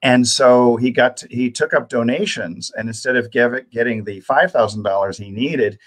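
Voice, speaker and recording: A man co-hosting a casual live health show, playful and chatty, fond of joking about his narration voice. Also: normal speed. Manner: playful, lively, likes putting on a deep narrator voice. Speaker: co-host, health coach.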